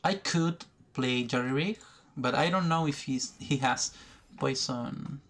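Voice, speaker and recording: A man giving educational commentary over a card game, thinking aloud slowly, pausing often and restarting his sentences. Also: mid-range voice, a bit bright. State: has the hiccups. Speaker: gaming video creator. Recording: faint background noise, poor recording.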